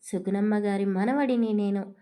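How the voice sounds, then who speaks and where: Woman narrator doing a stern rich young guy, bossy and cold, dark mellow tone. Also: medium pitch, fairly even intonation, normal speed, natural voice. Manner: commanding, cold, firm. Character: stern wealthy young husband, vengeful and protective. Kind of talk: audio story reading.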